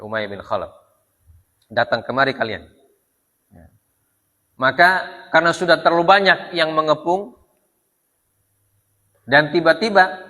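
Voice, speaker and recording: Preacher in an echoey hall. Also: male voice, mid-range voice, pushed and bright. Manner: reads Arabic text slowly, then retells in Indonesian with frequent "ya". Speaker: religious teacher. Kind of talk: Islamic study lecture. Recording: long hall reverb.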